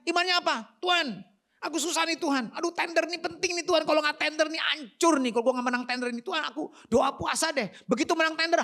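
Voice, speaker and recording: A woman pastor, preaching an animated, slangy sermon full of rhetorical questions. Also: fairly high pitch. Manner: slangy and conversational in the pulpit.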